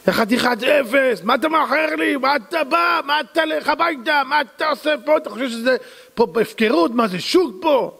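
A man voicing a furious male factory boss who shouts and berates a late worker with contempt. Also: very high-pitched, gravelly, voice pushed up, heavily acted. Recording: long hall reverb.

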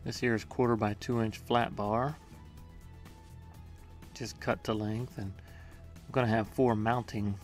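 A man's voice: fairly low pitch, fairly even intonation, unhurried, pauses often, faint music behind. A man narrating his own workshop build in a casual voice-over, explaining each step in a plain, matter-of-fact way with small hesitations. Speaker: home workshop maker.

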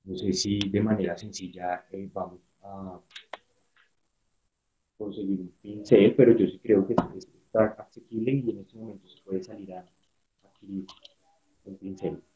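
A man's voice: sits low, fairly even intonation, unhurried, long pauses, dark tone. A man with a Colombian Spanish accent teaching a prerecorded online art class, patient and step-by-step, checking in often with his students. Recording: echoey room, tinny phone-like sound.

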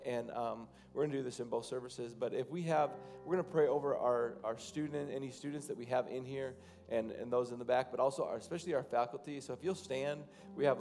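On a large indoor church stage, a male pastor in his thirties preaches and then prays over his congregation. His medium-pitched, darkish voice moves through loose, halting phrasing before building into fervent prayer.

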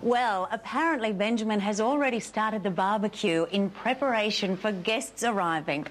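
A woman's voice: mid-range voice, moderate pace, noisy background. A middle-aged woman hosting a live TV show from a studio set on a lapel mic, asking playful, teasing questions. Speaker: host.

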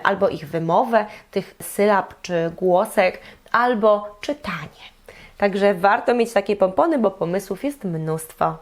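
A young woman, a speech therapist, giving a lively instructional lesson and speaking directly to her viewers. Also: medium pitch.

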